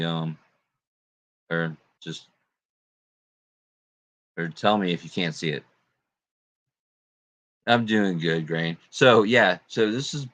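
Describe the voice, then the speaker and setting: Low-voiced guy hosting a chill livestream, laughing and rambling, dry close sound. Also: a bit bright, no room sound. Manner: laid-back, lots of fillers and laughs. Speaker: livestream host. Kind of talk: casual livestream chat.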